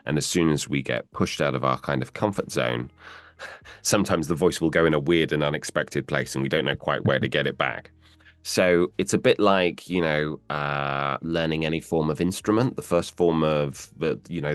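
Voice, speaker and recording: A man working as a voice actor, answering interview questions in an animated way and playing with his pitch as he explains. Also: normal speed, no echo. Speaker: voice actor guest.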